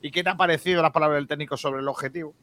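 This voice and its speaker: A man hosting a lively football debate, insistent and quick to argue back. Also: on the high side. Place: studio in Málaga.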